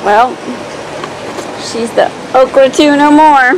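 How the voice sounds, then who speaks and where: A woman's voice: high-pitched, slow pace. A woman in her forties, a sailing vlog host, chatting upbeat to the camera aboard her boat. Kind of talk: casual vlog narration. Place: aboard a sailboat, outdoors in the cockpit. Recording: clear background noise.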